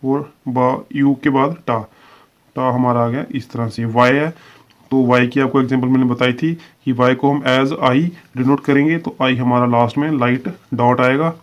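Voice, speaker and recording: This mid-range male voice moves at a moderate pace with fairly even intonation. He's giving a step-by-step shorthand video lesson, patiently working through each example, repeating phrases and stretching out the example words, all on a dull, lo-fi recording.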